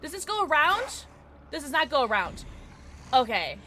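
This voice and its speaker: A woman with a cute, high anime-girl voice and a bright edge chats casually as she streams a game. Her delivery is playful and excitable, swinging widely in pitch as she reacts and talks to her viewers. There is a little noise behind her. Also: moderate pace. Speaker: livestream host playing a horror game. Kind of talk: casual livestream chat and game commentary.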